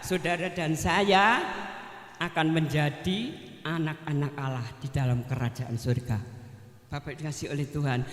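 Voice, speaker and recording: Chatty older Javanese woman in a church. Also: low-pitched. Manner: chatty, keeps addressing the pastor as "Pak". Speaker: evangelist giving a testimony. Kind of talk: church testimony. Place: church hall. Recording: reverberant church hall.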